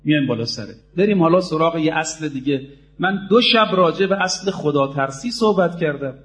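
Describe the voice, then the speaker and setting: High-voiced emphatic male preacher. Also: animated, fairly bright tone. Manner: emphatic, addresses the audience directly. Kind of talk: sermon.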